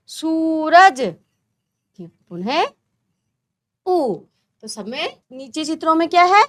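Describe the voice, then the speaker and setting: Slow, lively-voiced woman teaching young children. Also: sits high. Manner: slow, patient, asks questions and answers them herself. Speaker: primary school teacher. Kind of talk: children's lesson, explaining a textbook.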